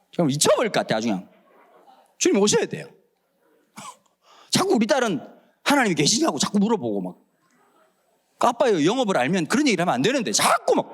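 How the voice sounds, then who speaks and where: A man's voice: sits high, slightly rough. A man in his forties with a Busan accent, preaching a humorous sermon in church, acting out quoted voices as he tells stories. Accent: Gyeongsang (Busan). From Busan, South Korea. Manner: animated storytelling, acts out quoted voices, jokes. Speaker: pastor. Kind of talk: humorous sermon at a prayer meeting. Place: church sanctuary.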